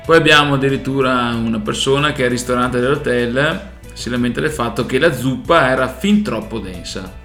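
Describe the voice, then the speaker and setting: A man's voice: medium pitch, normal speed, a bit bright. A man co-hosting a casual comic radio show, joking in a mock-serious way. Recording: roomy sound over background music.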